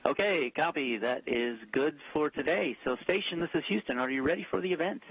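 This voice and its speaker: A man's voice: a little high, slightly rough. A man at mission control doing clipped, procedural radio checks over a space-to-ground link. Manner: brisk, clipped call-and-response. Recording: dull, distant radio-loop sound.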